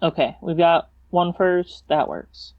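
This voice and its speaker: A man's voice: a little high, animated, takes it slowly, dry recording. A man chatting casually as a player in a tabletop game. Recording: dry, slightly dull mic.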